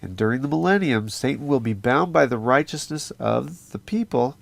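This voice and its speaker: Gravelly-voiced man teaching scripture. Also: mid-range voice, expressive, moderate pace. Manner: earnest, conversational with fillers. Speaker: religious teacher.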